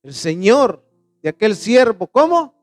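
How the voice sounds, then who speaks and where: A male pastor preaching a sermon in a church, asking the congregation questions and answering them, reading scripture slowly with emphasis. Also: high-pitched, big pitch swings, faint music behind.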